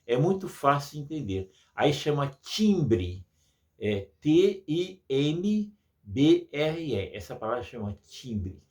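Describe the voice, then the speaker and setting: Slow, lively music teacher. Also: male voice, fairly high pitch. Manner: patient, talks down to kids with diminutives, imitates sounds. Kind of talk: children's music lesson.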